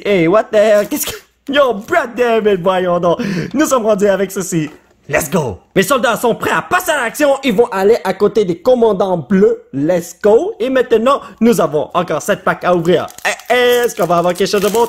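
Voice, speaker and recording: A man, short on sleep, chatting excitedly in a casual vlog while opening trading cards, tossing in English words. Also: high-pitched. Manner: excitable, shouts and laughs at pulls, mixes in English words. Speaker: YouTuber opening Pokémon cards.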